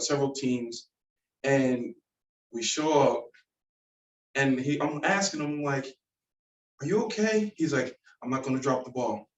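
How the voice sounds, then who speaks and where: A man, a youth football coach, telling an animated story as a tribute at a council meeting, laughing as he quotes others. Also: medium pitch, highs cut off. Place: council chamber. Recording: echoey room from far off.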